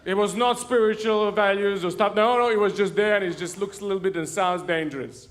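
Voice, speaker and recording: In a church sanctuary, a pastor tells funny stories during his sermon and laughs at his own jokes. His voice is high-pitched and brisk, with fairly even intonation.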